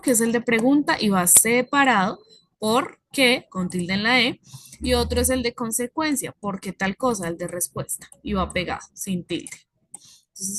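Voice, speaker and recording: A woman teaching an English class, explaining patiently step by step and checking in with her students. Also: medium pitch.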